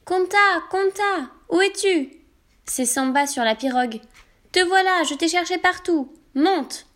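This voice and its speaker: A woman's voice: high voice, expressive, moderate pace. A woman voicing a friendly young boatman. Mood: calling.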